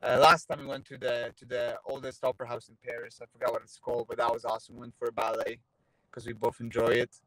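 This is a rough, echo-free recording of a man in his thirties from Poland, a fighter and native Polish speaker. He talks fast at a medium pitch in a relaxed video-call interview, stumbling through fillers and restarts. He sits in a parked car with the phone at arm's length.

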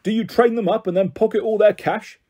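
A man's voice: sits high, steady tone, brisk, dark tone, slightly rough, voice pushed up. A man voicing a sneering, hostile male policeman who accuses and threatens.

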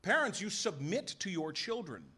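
Emphatic, lively male preacher. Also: high voice, moderate pace, slightly rough. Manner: emphatic preaching with rhetorical questions and voiced asides. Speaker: pastor. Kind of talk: sermon. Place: church sanctuary.

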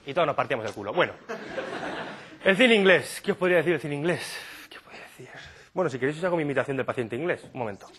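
A man from doing a stand-up comedy monologue, telling absurd stories in a deadpan way and slipping into quick silly impressions. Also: on the high side. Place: comedy stage before a live audience.

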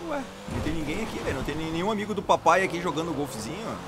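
A young adult man with a Brazilian Portuguese accent, giving casual, jokey game commentary with sudden loud exclamations. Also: on the high side, expressive, rapid-fire. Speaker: gameplay commentator. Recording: loud game car noise behind voice.

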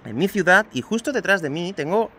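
With a high-pitched, bright, forceful voice, an Andalusian man with a light Spain Spanish accent speaks briskly and animatedly. He's recording a podcast lesson on his outdoor home terrace, patiently explaining answers to student questions and addressing the listener directly, with slight background noise.

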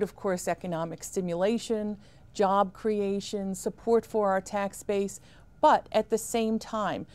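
A woman in her fifties speaks as a town official in a small studio interview set. Her delivery is measured and emphatic, at an ordinary middle pitch. She is picked up cleanly by a lapel mic. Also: mellow. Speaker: town supervisor.

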